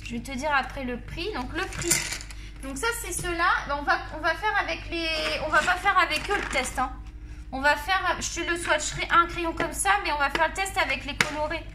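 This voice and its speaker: With a Marseille accent and a very high voice, a woman speaks a little fast, chatting and joking with her viewers as she reviews colored pencils. She's an art vlogger at her desk at home, face off camera, with a noisy background.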